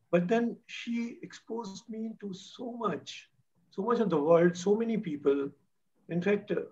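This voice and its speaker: A man's voice: high voice, muffled recording. A retired man in his sixties with an Indian English accent hosting a memorial gathering, passing the floor to speakers and making light jokes. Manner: warm moderator, light jokes, switching into Hindi. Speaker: event host.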